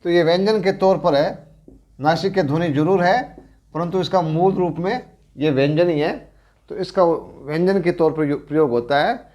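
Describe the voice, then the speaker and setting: A middle-aged man with a Rajasthani accent, giving a grammar lecture as a teacher, explaining slowly and deliberately and correcting himself as he goes. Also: on the high side, darkish tone, highs cut off. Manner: slow, deliberate explaining with pauses and self-corrections.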